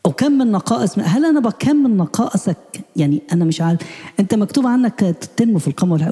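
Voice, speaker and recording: A man with an Egyptian accent giving a spiritual sermon, asking rapid, pleading questions. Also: high-pitched, warm tone, long reverb tail. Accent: Egyptian Arabic. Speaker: preacher.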